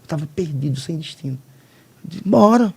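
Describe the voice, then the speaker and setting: A man, telling his personal testimony as a podcast guest in halting, emotional speech with many restarts. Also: sits high, gravelly, darkish tone, slightly rough. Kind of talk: personal testimony in casual conversation.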